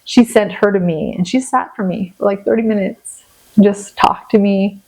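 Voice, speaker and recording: Woman, gravelly, husky, dark tone, animated storyteller, casual faith chat. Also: mid-range voice, normal speed, rough recording. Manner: animated storytelling, acts out her own prayers. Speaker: podcast guest.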